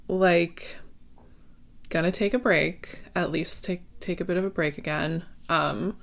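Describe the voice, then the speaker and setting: A woman's voice: lowish voice, creaky. Young woman, casual girly rambling chat. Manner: rambling, hesitant, frequent "like" filler; girly, informal speech. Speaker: host of a fitness podcast.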